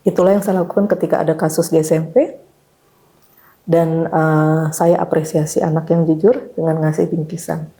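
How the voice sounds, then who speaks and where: Female guest, teacher type, mellow tone, lively storyteller who voices the people she quotes. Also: sits low, normal speed. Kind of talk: casual conversational interview.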